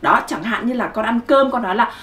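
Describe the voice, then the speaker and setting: A woman's voice: a little high, fast talker, a bit bright, echoey room. A woman teaching English pronunciation to children, coaxing and drilling sounds over and over; Vietnamese is her first language.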